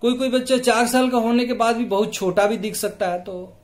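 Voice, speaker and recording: A man's voice: very high-pitched, brisk. A male teacher explaining a storybook lesson to children, patiently quizzing the class and checking they follow. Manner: patient, asks the class questions, tags "है ना" often.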